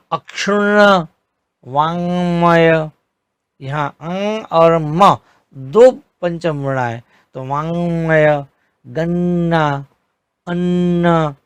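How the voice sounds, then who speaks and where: A man's voice: fairly high pitch, dry recording. A man teaching a Hindi grammar lesson, drawing out each example word with careful enunciation. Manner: drawn-out enunciation of example words. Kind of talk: slow, deliberate grammar lesson with spoken examples.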